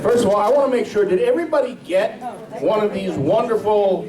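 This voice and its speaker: A man's voice: high voice, brisk, very noisy. A man giving a rousing speech to a political meeting, building his points through repetition. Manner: preacher-like repetition. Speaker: party chair giving a speech. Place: large hotel ballroom. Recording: echoey ballroom heard from far off.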